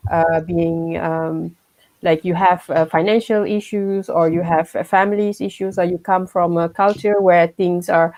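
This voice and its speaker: A woman's voice: lowish voice, fairly even intonation, a little slow, darkish tone, no room sound, rough recording. A woman from Malaysia who has a young child, sharing her views in a casual group discussion, with many fillers and restarts. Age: adult with a child. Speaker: workshop participant.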